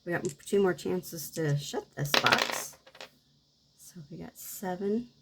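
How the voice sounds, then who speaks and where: A woman with a low, gravelly voice talks quietly through a casual savings-game vlog. She sounds worn out and short on energy, moving slowly and coughing now and then. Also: heavy background noise. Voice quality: coughing at times. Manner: quiet, subdued, unhurried talk. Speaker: budgeting game creator.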